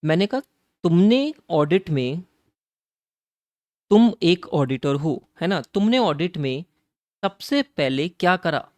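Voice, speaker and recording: A man teaching auditing in an exam-prep lecture. He asks his own questions and answers them, and draws key terms out slowly. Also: on the high side, sing-song, darkish tone, no room sound. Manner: calls students "beta" and "bhai", coaxing and playful.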